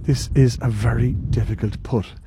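A man giving live golf commentary in a hushed voice, narrating each movement in short phrases outdoors on a windy course. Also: mid-range voice, fairly even intonation, moderate pace. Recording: windy outdoor recording with clear noise.

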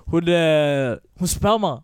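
Guy on a podcast, high lively voice, acts out every line, dry close sound. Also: clean tone, no echo. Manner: animated storyteller, acts out dialogue with laughs. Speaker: podcast co-host. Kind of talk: casual chat.

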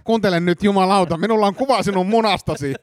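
A man voicing a jittery, whiny male suspect in a comic script read-through, shrill and melodramatic. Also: dry recording, studio quality, natural voice. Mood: frantic.

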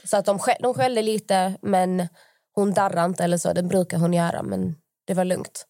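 A woman's voice: fairly low pitch, steady tone, dark tone, no room sound, clean studio sound. A young woman co-hosting a podcast, telling rambling stories in casual chat, full of fillers and acted-out quotes. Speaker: podcast co-host.

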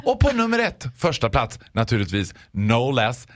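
A man's voice: mid-range voice, wildly swooping pitch. A man guest on a comedy podcast, bantering playfully, laughing a lot and slipping into exaggerated voices.

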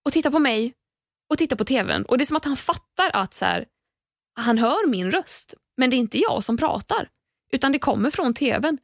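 A young woman hosting a podcast, telling a story in an animated, casual way, swearing freely and acting out what people said. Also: on the high side, no echo, studio quality. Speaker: podcast host.

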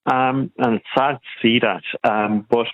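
A man's voice: medium pitch, fairly even intonation, a little slow. A man with a Kerry accent from the west of Ireland, calling a radio phone-in to give his opinion, stumbling and repeating words as he goes. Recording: dull lo-fi phone-in line.

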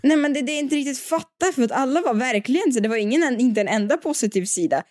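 A woman's voice: high voice, animated, darkish tone, dry recording. Chatty young woman, dry close podcast mic. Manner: chatty, rambling with restarts and laughter. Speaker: podcast co-host. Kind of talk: casual podcast chat.

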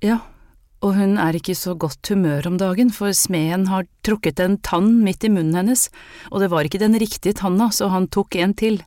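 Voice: medium pitch, a little mellow, no echo, clean studio sound, pitched above the performer's own voice, close to an everyday voice. A narrator voicing Anne, an anxious young maid with a secret healing gift, speaking earnestly and hesitantly in an audiobook. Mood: chatty. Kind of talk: audiobook character reading.

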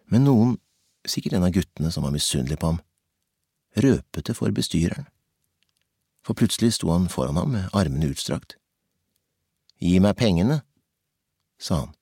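A man narrating a novel as an audiobook in a measured, intense storytelling manner. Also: low voice, a little mellow, husky, no room sound, studio quality.

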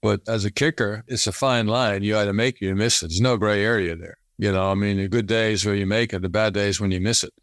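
A man's voice: on the low side, fairly even intonation, fast, few pauses, no echo, clean studio sound. A man, a former kicker, reflecting in an interview in short, plain statements.

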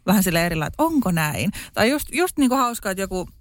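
Woman co-host, mid-pitched voice, chatty, filler-heavy, dry studio sound. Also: big pitch swings, no room sound. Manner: chatty, with many fillers and a quick laugh. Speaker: podcast co-host. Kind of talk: casual chat.

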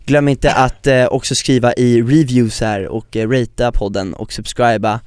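A man in casual podcast conversation, telling stories with lively energy and quick asides. His voice sits at an ordinary middle pitch. The recording is close and dry, with no room sound. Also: smooth, no echo. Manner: lively storyteller who acts out quotes. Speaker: podcast co-host.

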